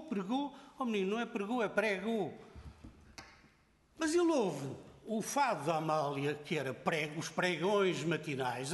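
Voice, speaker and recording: A man's voice: high-pitched, big-room sound. An older man from Portugal with a European Portuguese accent, a professor giving an indignant, emphatic public speech full of examples.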